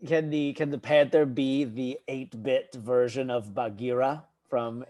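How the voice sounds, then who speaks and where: Man, unhurried halting speech, medium pitch, deliberate, casual tabletop player chat. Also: steady tone, mellow.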